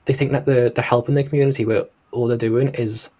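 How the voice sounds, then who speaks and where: A man's voice: medium pitch, fairly even intonation, fairly quick, dark tone. A man with a Liverpool Scouse accent giving casual, rambling, disapproving commentary in a hesitant way. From Liverpool, England. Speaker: reaction video host.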